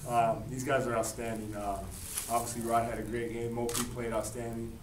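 A young adult man, a football quarterback, answering postgame questions in a relaxed way with many fillers and restarts. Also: medium pitch, normal speed. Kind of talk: postgame press conference answers. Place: press room in front of a sponsor backdrop. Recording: roomy, distant, noisy press room.

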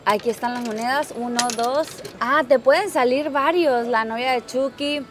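Excitable woman vlogging, slightly high voice, laughs a lot, loud shop noise behind her. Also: normal speed. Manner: chatty and excitable, laughing often. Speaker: travel vlogger. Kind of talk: casual vlog commentary while shopping. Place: busy capsule-toy shop in Japan. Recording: noisy shop ambience.

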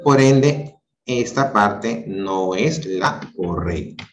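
Male teacher on a video call, slow and animated, patient and questioning, roomy echo. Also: fairly low pitch, a little hiss or hum. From Peru. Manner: patient, questioning, repeats words to check answers. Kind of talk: online class explanation.

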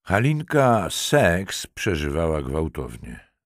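This is a male audiobook narrator with a very low voice. His intonation is lively and expressive. The recording is dry and close, with no room sound. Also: slow, dry recording. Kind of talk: scripted narration.

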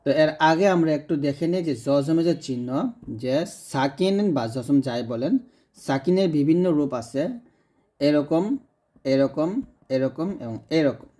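A man teaching Quran recitation in a tutorial lesson, patiently repeating each sound slowly and drawing it out. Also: a little high, dark tone. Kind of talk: tutorial lesson explaining letters.

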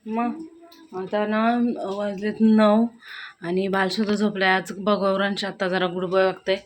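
Working in her home kitchen, a young Marathi-accented mother and homemaker vlogs casually, chatting about each household chore as she does it. Her mid-range voice barely moves in pitch and is unhurried, while loud home noise plays behind her.

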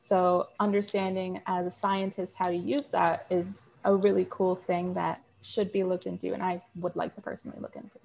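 A woman's voice: lowish voice, level tone, moderate pace, creaky, few pauses, a little mellow, dull audio. A young woman in her twenties, a student guest, giving earnest answers with frequent hesitations over a video call. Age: 20s. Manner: earnest, explains with many "um"s. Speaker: guest, marine biology student. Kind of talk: interview answers.

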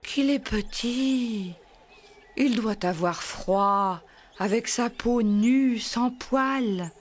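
A woman's voice: high voice, very animated, a little slow, a little hiss or hum, voice pushed up, full character voice. A woman voicing a protective mother wolf. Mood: tender. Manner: gentle, then fiercely defiant.

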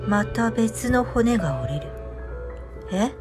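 A woman reading a scripted first-person ghost story in a hushed, eerie storytelling manner. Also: a little high, animated, slow. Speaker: horror story narrator. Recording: music and rain under the voice. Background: music, rain.

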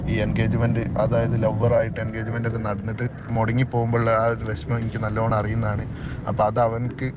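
A young man with a Malabar Malayalam accent records a rambling voice message in a low, very flat voice. He halts and repeats himself as he explains his side. The sound is dull and lo-fi, as on a phone voice note. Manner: halting, repetitive, rambling explanation. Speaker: ex-fiancé giving his side of a story. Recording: dull lo-fi voice note, clear outdoor noise.

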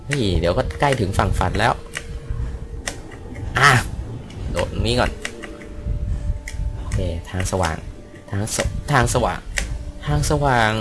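A man giving casual let's-play commentary, excitable, swearing at enemies and talking to himself. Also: fairly low pitch, unhurried, pauses often. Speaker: gameplay commentator. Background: game music.

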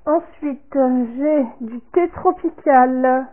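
A woman vlogger showing a product order in casual talk, halting and trailing off softly after each item. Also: sits high. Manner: slow and halting, repeats "comme ceci" and "voilà", trails off softly. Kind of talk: casual unboxing talk to camera. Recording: tinny phone-like sound.

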